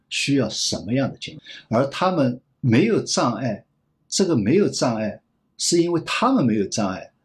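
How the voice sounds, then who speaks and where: 一位男性银行业专家在访谈中回答问题，说话边想边讲，常重复词句。. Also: male voice, medium pitch. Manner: rambling, repeats phrases while reasoning aloud. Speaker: banking expert guest. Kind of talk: thoughtful interview answers.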